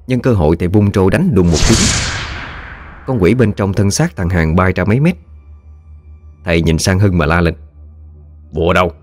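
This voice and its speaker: Male storyteller, low voice, lively colloquial narration, dry audio over music. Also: dry recording. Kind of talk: scripted ghost-story narration.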